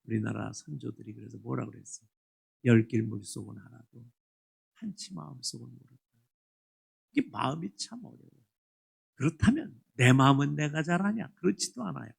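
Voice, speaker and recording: Gravelly-voiced pastor preaching with rising fervor. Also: male voice, mid-range voice, lively intonation, moderate pace. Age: 60s. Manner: rises from soft asides to loud emphatic exhortation. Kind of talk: sermon.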